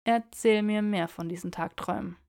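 A woman's voice: mid-range voice, steady tone, vocal fry, darkish tone, no room sound, clean studio sound, natural voice. A woman voicing a smug young male wizard who teases his friend, in an audiobook reading. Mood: teasing. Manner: amused, teasing, unhurried.

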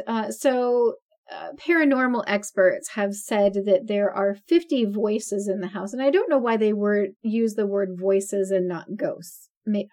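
This woman in her forties co-hosts a podcast, her mid-range voice carrying a darkish tone. The casual conversation flows freely, full of fillers and frequent laughter.

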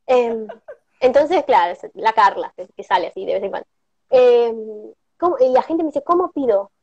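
A woman's voice: fairly high pitch, animated, moderate pace, a little mellow, no room sound. A middle-aged woman with an Argentine Rioplatense accent giving an earnest motivational talk, sprinkling in personal stories and tag questions. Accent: Argentine Rioplatense Spanish. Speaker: prosperity workshop guest speaker. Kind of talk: motivational talk on a live stream. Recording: dull lo-fi stream audio.

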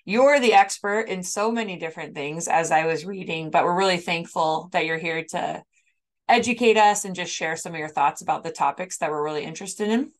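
Lower-pitched woman hosting a podcast. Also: a little fast. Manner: informal, chatty, polite. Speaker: podcast host, interviewer. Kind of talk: podcast introduction and interview.

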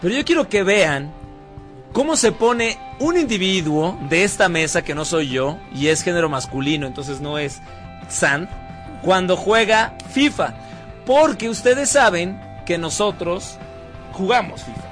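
A man's voice: high voice, animated, a little slow, a bit bright, faint music behind. A man hosting and joking with guests in casual banter. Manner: joking, teasing. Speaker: host.

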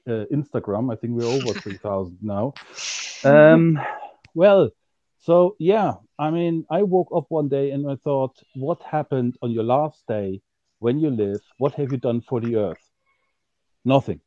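A man's voice: mid-range voice, no room sound. A man from Germany with a German accent and native German, casually telling stories as a podcast guest. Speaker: podcast guest, conservation group director. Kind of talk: casual storytelling in an interview. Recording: slightly dull, lo-fi, dry sound.

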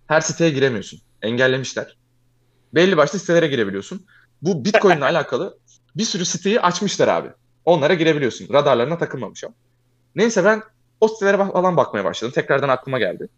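Kendi sesiyle hızlı konuşan genç adam. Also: male voice, a little high, lo-fi sound. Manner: fast animated storytelling, addresses listener as "abi". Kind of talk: casual storytelling chat.

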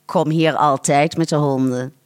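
A storyteller voicing a wealthy, self-satisfied older woman who talks in a languid, drawn-out way in a storybook reading. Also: mid-range voice, steady tone, smooth, natural voice. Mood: gushing.

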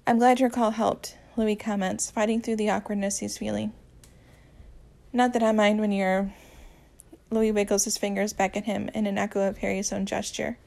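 A woman reads a romance story aloud in a gentle, even manner and shifts her voice a little for each character's lines. Her voice sits at a middle pitch and has a gravelly, creaky edge. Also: moderate pace. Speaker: audiobook narrator.

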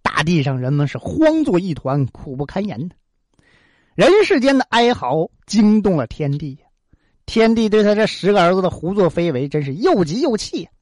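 A lively storyteller reads a folk tale with frequent asides and exclamations. The pitch rises and falls widely, giving it a playful energy. The sound is dry and close with no room echo. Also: normal speed. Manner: animated, chatty asides and exclamations. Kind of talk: children's folk tale narration.

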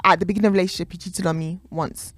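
Animated woman in her twenties chatting. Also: on the low side, rapid-fire, no echo, studio quality. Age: 20s. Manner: animated, laughs loudly, emphatic. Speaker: podcast co-host. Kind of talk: casual chat.

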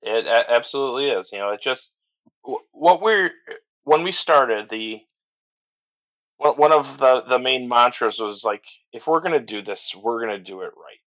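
A man's voice: medium pitch, expressive, moderate pace, a bit bright. A middle-aged man chatting as a podcast guest, enthusiastic, full of restarts and "you know"s. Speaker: podcast guest, transport business owner. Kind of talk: casual interview chat. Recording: slightly dull lo-fi audio.

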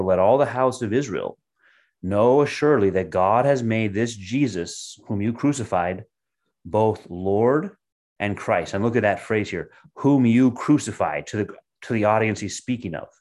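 A man with a somewhat low voice leads a short devotional sermon. He reads scripture aloud and explains it in a steady, teaching manner. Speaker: pastor.

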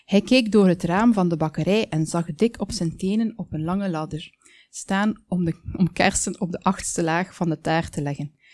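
A woman calmly reading a children's story aloud, with small slips now and then. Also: lowish voice, moderate pace, no room sound. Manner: calm, with small slips and asides.

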